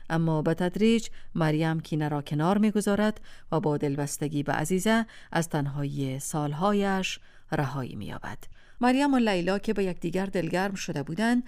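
A woman presenting a calm, formal story recap for an audiobook series. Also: lowish voice, smooth. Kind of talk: scripted recap narration.

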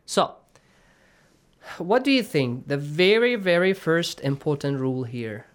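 Recitation teacher, really smooth clear voice, keeps asking okay? right?, drags sounds out slow to show them. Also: mid-range voice, lively intonation. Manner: checks in often with "okay?" and "right?"; slow, drawn-out demonstrations of pronunciation. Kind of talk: tajweed lesson to students.

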